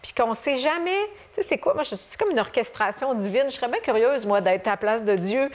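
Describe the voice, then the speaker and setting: A woman from Quebec with a Québécois accent, a guest author telling stories in a relaxed chat, full of fillers and restarts. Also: on the high side, a little fast. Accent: Québécois French. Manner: animated storyteller, many fillers and restarts. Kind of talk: casual conversation on a talk show.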